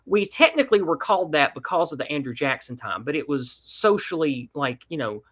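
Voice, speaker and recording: A man's voice: on the high side, very animated, fairly quick, a bit bright. A man from East Tennessee with a mountain twang, talking in a folksy, rambling way as a guest on a casual podcast chat. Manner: folksy, rambling, with colloquial slang.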